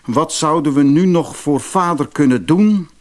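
A man's voice: a little high, unhurried, voice pushed up, natural voice. A man doing a haughty young prince. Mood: proud. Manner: haughty and curt. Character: proud ambitious eldest prince, young man. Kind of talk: storybook reading.

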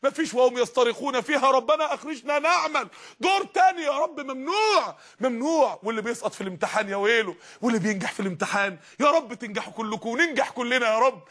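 A man preaching in an Egyptian Arabic accent, impassioned, swinging between pleading and shouting. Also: very high voice, expressive, racing, few pauses. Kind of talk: sermon.

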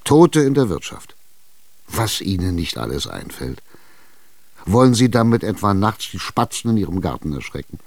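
A man's voice: low-pitched, very animated, normal speed, gravelly, dry recording, full character voice. A man playing a pushy, exasperated schemer. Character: impatient, scheming middle-aged male buyer. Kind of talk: radio drama reading.

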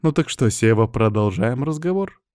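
A man voices a demon inhabiting a young woman's body, sounding sly and taunting. His mid-range, slightly mellow voice has lively intonation and a normal speed, close to an everyday voice. The recording is dry and studio quality.

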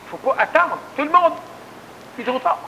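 A man's voice: extremely high pitch, big pitch swings, brisk, creaky, pushed and bright, highs cut off, slight background noise. A man with a Québécois accent giving a folksy, emphatic conversational talk, often repeating words for stress. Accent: Québécois French. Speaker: spiritual lecturer. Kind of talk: conversational lecture.

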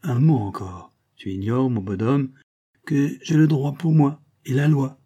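A man's voice: medium pitch, moderate pace, dark tone, highs cut off, natural voice. A man voicing a brutish, menacing male showman in an audiobook, speaking in a blustering, threatening way.

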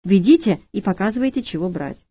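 A woman's voice: medium pitch, expressive, fast talker, husky, no echo. A woman voicing a curt, commanding young man who barks clipped orders, in an audiobook. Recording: dry, slightly dull lo-fi audiobook.

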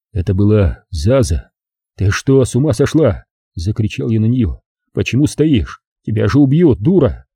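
Male narrator, audiobook, very dark husky voice, lively intonation, dry close recording. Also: lowish voice, no echo. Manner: expressive storytelling with acted dialogue. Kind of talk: first-person audiobook narration.

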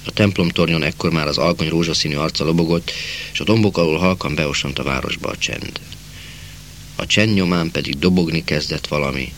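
Deep-voiced man reading a novel. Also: a little hiss or hum. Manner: measured, slowing for quiet passages. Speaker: audiobook narrator.

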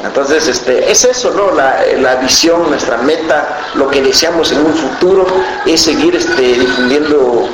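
A man from the mountains of Guerrero, Mexico, with a Mexican accent and Mixtec as his first language, answering interview questions for a community radio station in an earnest, unhurried way. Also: mid-range voice. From Guerrero mountain region, Mexico. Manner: earnest, unhurried, often checking with "¿no?". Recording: roomy with background noise.

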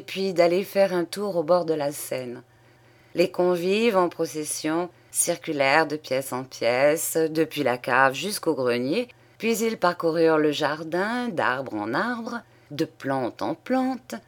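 Casting: female audiobook reader, low voice, very slow, literary. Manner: measured, unhurried reading. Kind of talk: literary narration.

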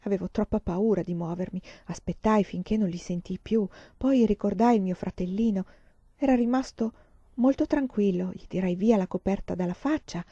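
A woman reading a novel aloud in measured, sombre storytelling, in a dull, slightly lo-fi recording. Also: medium pitch, dark tone, dry recording. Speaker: reader.

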